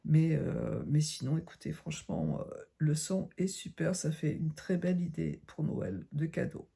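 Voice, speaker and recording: A middle-aged woman, sick and hoarse, talks through a casual product review at home into her phone. Her voice is gravelly, husky and darkly muted. She chats on with plenty of hesitant restarts. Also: low-pitched, sing-song, moderate pace, warm tone. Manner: chatty and hesitant, often restarting phrases. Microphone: phone camera.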